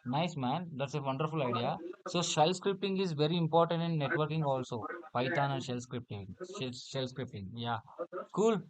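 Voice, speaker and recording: A man's voice: a little high, normal speed, a crowd in the background, rough recording. A man with an Indian English accent on a video call. He asks technical questions and praises with enthusiasm.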